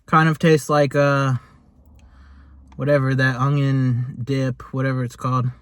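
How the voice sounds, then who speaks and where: A man's voice: medium pitch, flat delivery, unhurried, no room sound, studio quality. A man giving a casual, rambling food review in a laid-back, chatty way, as host of a taste test. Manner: rambling, laid-back, hesitant phrasing with lots of "like".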